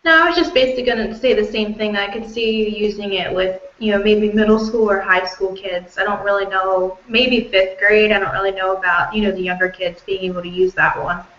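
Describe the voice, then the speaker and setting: A woman's voice: medium pitch, a little fast, hardly any pauses, fairly bright tone. Young woman, tentative and unsure, roomy echo, muffled video call. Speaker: education student in group discussion. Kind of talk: casual online group discussion. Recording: echoey lo-fi video call audio.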